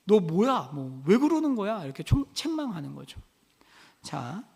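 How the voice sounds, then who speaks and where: Lively chatty pastor in an echoing hall. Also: male voice, sits high, gravelly. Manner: chatty, acts out little dialogues and asks the listeners questions. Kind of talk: casual Bible study sermon. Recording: long church hall reverb.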